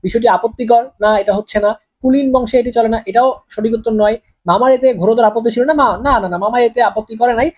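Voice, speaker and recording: A woman's voice: on the high side, fairly even intonation, fast talker, a little mellow, breathy edge. A woman teacher with a Bangladeshi accent, working through exam quiz questions in a chatty way that keeps checking in with students. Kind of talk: exam-prep lesson solving quiz questions.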